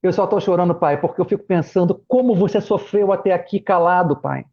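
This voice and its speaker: High-voiced man telling a story, muffled audio. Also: fairly quick. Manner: animated, acts out family members' voices in quotes. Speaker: guest, former pastor. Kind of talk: casual chat, personal storytelling. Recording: muffled lo-fi live stream audio.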